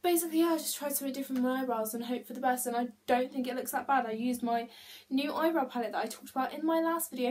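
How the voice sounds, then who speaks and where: At home, a young beauty vlogger with a slightly high, somewhat mellow voice talks casually to her phone camera. She's chatty and rambling, and keeps poking fun at herself.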